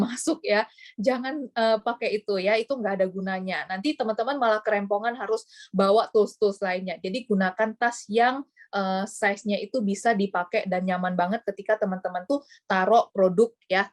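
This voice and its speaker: Chatty woman giving sales tips. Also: mid-range voice. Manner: chatty, many fillers, acts out examples. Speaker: sales trainer. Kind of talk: casual training talk.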